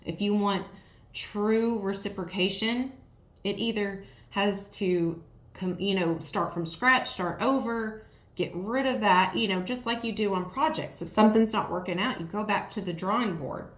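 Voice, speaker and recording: A tarot reader gives a casual reading, speaking frankly and repetitively straight to her viewers at an unhurried pace. Her mid-pitched voice is hoarse, raspy and strained from yelling, and the room has a roomy echo.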